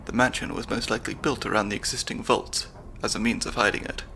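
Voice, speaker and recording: A young man talks fast in a lowish voice with vocal fry and fairly even intonation, over slight background noise. His ASMR roleplay character is a nerdy, a bit nervous stand-in spy handler, analytical and dry-witted, spoken softly.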